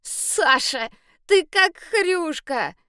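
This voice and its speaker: Lady reading as a squeaky cheeky werewolf kid, all bouncy and teasing, no room echo. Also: lively intonation, a little slow, fairly bright tone, studio quality. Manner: giggly, teasing, eager. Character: excitable mischievous werewolf boy.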